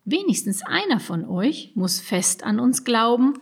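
A woman's voice: a little high, big pitch swings, measured pace, husky, full character voice. A woman voicing a grumpy male forest kobold over a hundred years old, indignant and lecturing, in a storybook reading. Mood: explaining.

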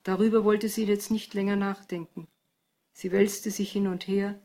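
A woman narrating a novel in calm, even scripted storytelling. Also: medium pitch, normal speed. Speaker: audiobook narrator.

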